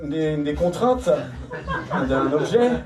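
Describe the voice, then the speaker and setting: A man playing a teasing, mock-polite talk-show host in a comedy sketch, halting and repeating himself. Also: fairly high pitch, animated. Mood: presenting. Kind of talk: improvised stage sketch interview. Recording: distant echoey hall, loud music and crowd.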